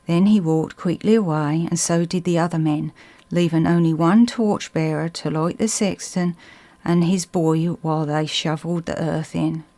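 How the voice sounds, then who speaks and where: A woman with a Suffolk accent reading a ghost story as scripted narration in a measured storytelling manner. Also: low voice, steady tone, warm tone.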